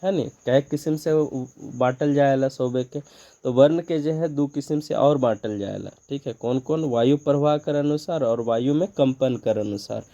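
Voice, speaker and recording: A man's voice: medium pitch, normal speed, mellow, highs cut off. A man with a Nagpuri accent teaching an exam-prep grammar lesson, explaining step by step and asking and answering his own questions.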